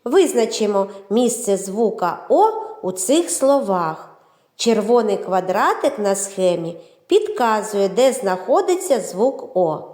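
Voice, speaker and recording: Slow, lively woman teaching kids. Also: mid-range voice. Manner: slow, clear, drawn-out teacher's delivery. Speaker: teacher and narrator. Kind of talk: children's phonics lesson narration. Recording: roomy echo.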